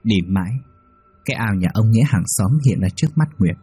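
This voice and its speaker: A man narrating a ghost story in a measured, even manner. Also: lowish voice, husky, no echo. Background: faint music.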